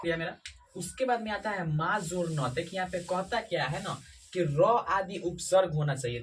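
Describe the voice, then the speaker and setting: A man talks through a grammar lesson like a classroom teacher, repeating each rule and firing questions at his students. His voice sits slightly high, and he stands a little back from the mic. There is a faint hum of background noise. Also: recorded from a distance. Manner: slows down to spell out sounds. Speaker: Sanskrit teacher.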